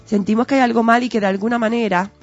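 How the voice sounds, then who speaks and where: A woman's voice: a little high, fairly even intonation, fast. Earnest teacherly woman. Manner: earnest, teacherly, full of rhetorical questions. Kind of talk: conversational explanatory talk. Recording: dull lo-fi audio with faint music.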